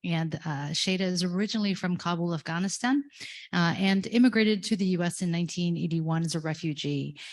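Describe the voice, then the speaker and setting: A woman's voice: on the low side, brisk. A woman moderating a conference panel, introducing the guests and asking questions with many hesitations.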